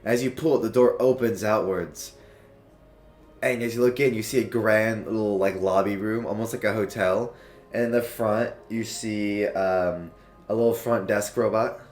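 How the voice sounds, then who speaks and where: A man's voice: on the low side, fairly even intonation, moderate pace, a little mellow, echoey room, soft background music. A man narrating a tabletop role-playing game as game master, with loose, descriptive narration full of fillers.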